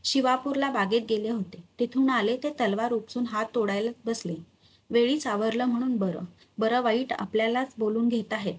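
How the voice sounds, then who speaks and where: A woman's voice: a little high, fairly even intonation, husky. A woman voicing a frightened female servant urgently reporting trouble. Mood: alarmed. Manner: hurried, alarmed reporting.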